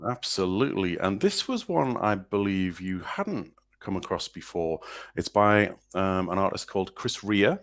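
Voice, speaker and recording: A podcast co-host from northeast England chats loosely about songs, rambling and hesitant with plenty of fillers and restarts. His voice is low with a fairly bright tone, captured in a dry, clean studio recording.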